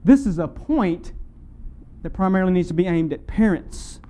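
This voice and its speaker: A man's voice: high-pitched, lively intonation, warm tone. A pastor preaching a sermon, earnest and emphatic, speaking straight to his congregation. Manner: earnest preaching, emphatic rises and slow stressed phrases; addresses the congregation directly.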